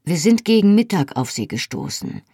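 A woman's voice: fairly low pitch, huge pitch swings, gravelly, dark tone, breathy edge, dry recording, clean studio sound, exaggerated voice. A woman reading as a wounded breathless man. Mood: urgent, weary. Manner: halting, breathless reports.

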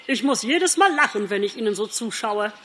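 A woman's voice: a little high, lively intonation, moderate pace, a bit bright, in a large hall, slight background noise. A woman voicing a cheerful, teasing woodpecker in an audiobook reading. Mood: merry. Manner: merry, teasing.

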